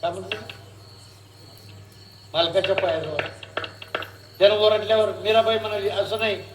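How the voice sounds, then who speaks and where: A man giving a devotional kirtan sermon, moving between sung verses and spoken preaching, asking the audience questions in an animated way. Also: high voice, moderate pace, roomy sound, slight background noise.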